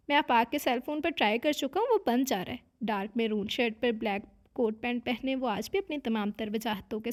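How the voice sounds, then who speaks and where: A woman narrating a romance novel aloud in a steady storytelling manner. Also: a little high.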